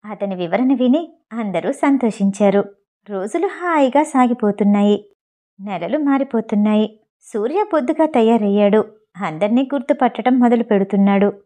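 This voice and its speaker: A woman's voice: fairly high pitch, lively intonation, moderate pace, mellow. A woman narrating an audio novel, reading every character's lines herself. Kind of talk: storytelling narration with character dialogue.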